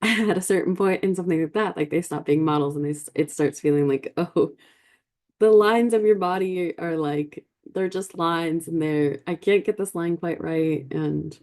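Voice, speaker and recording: Speaking at a moderate pace in a low-leaning, somewhat dark voice, a woman in her twenties from Colombia recounts personal stories on her podcast. Her manner is informal and reflective, and she leans on "like" as a verbal habit.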